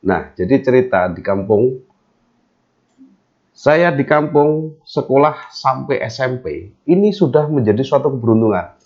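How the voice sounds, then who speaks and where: A middle-aged man from Central Java, a guest in an interview, talking in a measured way with many hesitations. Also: mid-range voice, expressive. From Temanggung, Central Java, Indonesia. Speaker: guest, business owner. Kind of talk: interview conversation. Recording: dull lo-fi audio.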